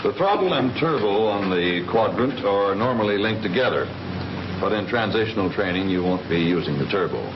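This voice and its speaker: With a fairly low pitch and lively intonation, a man speaks at a moderate pace and acts only lightly. In the part of a confident American Army captain and flight instructor, he teaches pilots methodically and plainly, matter-of-fact in the manner of a 1940s training film. The audio is a noisy, dull soundtrack from that era.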